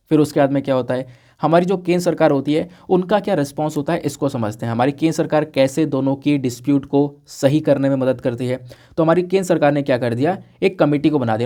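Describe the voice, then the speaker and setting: Male current-affairs tutor, slightly high pitch, mellow tone, asks and answers his own questions, checks in with listeners. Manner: conversational, poses questions to the viewer then answers them; repeats points and checks with "ठीक है ना?". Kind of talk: explanatory exam-prep lesson.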